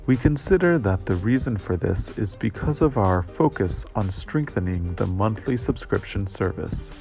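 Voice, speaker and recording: Interpreter translation voice-over: man, lowish voice, measured and formal, faint music underneath. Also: creaky, darkish tone. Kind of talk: scripted reading of financial results.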